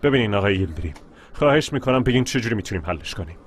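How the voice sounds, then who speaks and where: A man's voice: fairly low pitch, expressive, close to an everyday voice. A man dubbing a film role as an indignant, argumentative man who insists the house is his. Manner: protesting, insistent. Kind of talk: dubbed film dialogue. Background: music.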